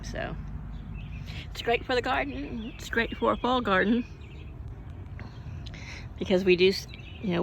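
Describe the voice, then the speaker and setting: Older woman from Oklahoma, rambling garden vlogger, gravelly voice, outdoor mic with faint birds and traffic. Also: medium pitch. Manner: meandering, homey, with frequent hiccups and yawns. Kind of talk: rambling casual chat.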